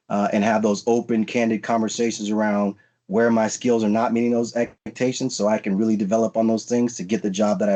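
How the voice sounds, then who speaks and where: An American man with a low, dark voice sits as a panelist at a recruiting event, giving career advice during a virtual panel talk. His delivery is earnest, with frequent fillers and restarts.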